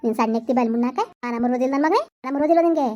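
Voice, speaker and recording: High-pitched village wife, a woman doing it yelling at her husband super fast, kinda muffled audio. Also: natural voice. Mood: scolding. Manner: rapid furious scolding. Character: sharp-tongued village wife scolding husband. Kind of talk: village comedy skit. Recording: muffled lo-fi sound.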